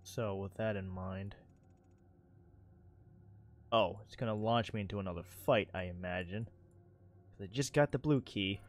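A man's voice: lowish voice, measured pace, long pauses, slight background noise. A man streaming a game, chatting casually and reacting with curses and laughs. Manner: swears and laughs while reacting. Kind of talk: casual gameplay commentary. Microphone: headset with closed headphones.

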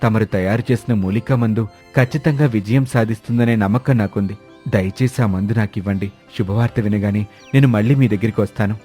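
A man voicing a kind rich male landlord in a cartoon story, speaking in an earnest, slightly lowered voice. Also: a little fast, mellow, faint music behind, natural voice. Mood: pleading.

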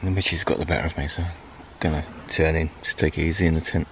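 A man in his fifties with a deep voice chats to a handheld camera held at arm's length while out camping and walking. He talks in a relaxed, self-deprecating way, and the outdoor recording carries plenty of wind and ambient noise. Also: fast talker. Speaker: vlogger. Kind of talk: casual outdoor vlog. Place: campsite and mountain lakeside outdoors, and inside a small tent.

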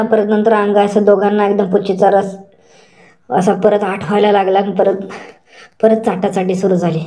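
Woman reading out a spicy story, soft mellow voice, keeps repeating herself. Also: medium pitch. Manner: slow, repetitive storytelling with words said over and over. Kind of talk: first-person erotic story narration.

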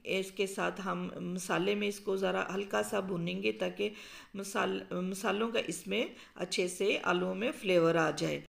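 Gravelly-voiced woman explaining a recipe. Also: medium pitch, a little slow. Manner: calm, explanatory, with frequent um fillers. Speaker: cooking show host. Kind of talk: step-by-step cooking instructions. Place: home kitchen.

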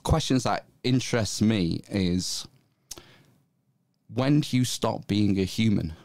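A man hosts a podcast conversation in a fairly low voice. The sound is dry and close. He asks his guest questions in a relaxed, casual manner. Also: takes it slowly, vocal fry, no room sound. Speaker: podcast host.

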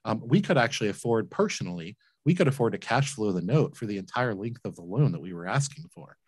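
A man with a fairly low, husky voice speaks fast and very animatedly, with no room sound, as an earnest guest telling his story in an interview. He runs a laundromat, speaks with emphasis, and repeats words when moved. He's indoors in a room at home, on a video call with a large desk mic and headphones.

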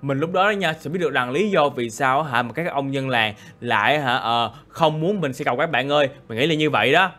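A man narrating a Minecraft role-play, excitable and full of exclamations and asides to viewers. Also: medium pitch, fairly quick, few pauses. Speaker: gaming YouTuber.

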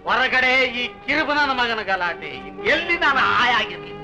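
A man's voice: extremely high pitch, animated, measured pace. An actor playing a bossy, impatient middle-aged husband and father who scolds his wife. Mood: grumbling. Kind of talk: 1960s film acting. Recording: dull old film soundtrack with music.

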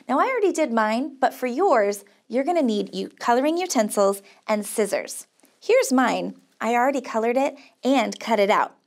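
A woman with a high voice and an American accent guides little kids through a craft in a small indoor studio, sounding like a cheerful, encouraging camp counselor. She breaks each step down simply and hands out sing-song praise.

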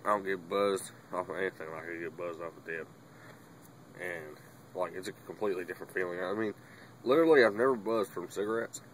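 Deep-voiced young man with dip in lip. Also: a little fast, a little hiss or hum, poor audio. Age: young adult. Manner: rambling, many fillers, mild swearing. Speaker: product reviewer. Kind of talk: casual product review.

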